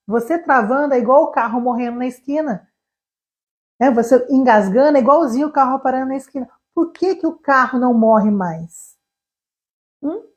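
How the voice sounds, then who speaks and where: A Brazilian woman teaching English online, fast, animated and emphatic, speaking straight to her viewers. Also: a little high, dull audio. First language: Portuguese.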